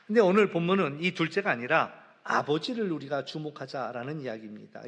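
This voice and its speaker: A man preaching a sermon as pastor, telling the story with lively swings in voice and acting out the characters' lines. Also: fairly high pitch. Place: church sanctuary. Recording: long church reverb.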